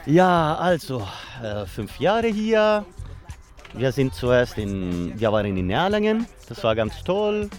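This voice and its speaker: A man's voice: mid-range voice, big pitch swings, slow pace, faint music behind. A man from Chile, a guest DJ speaking earnestly in simple, during a casual interview outdoors by a lake. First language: Spanish. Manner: earnest, in simple non-native German.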